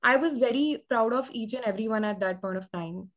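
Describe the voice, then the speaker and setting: A young adult woman with an Indian accent, talking reflectively in a casual discussion with hesitant, measured phrasing. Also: a little high.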